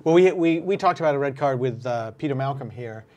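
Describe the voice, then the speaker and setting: Man, podcast host, casual sports talk, mid pitch, chatty with fillers. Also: lively intonation, brisk, a little mellow. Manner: conversational, filler-heavy recap.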